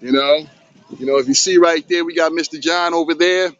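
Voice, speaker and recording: A man's voice: fairly high pitch, steady tone, a little fast, a bit bright. A middle-aged man hosting a casual handheld vlog outdoors on a sunny beach, talking in a loose, hyped, streetwise way. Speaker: vlog host. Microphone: handheld phone camera. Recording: dull lo-fi phone audio.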